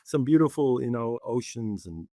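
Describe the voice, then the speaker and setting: A middle-aged man from Switzerland, a guest speaking in a relaxed, conversational way with frequent laughs in a podcast interview. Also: medium pitch, normal speed, no room sound, studio quality. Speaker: guest, head of organizational development.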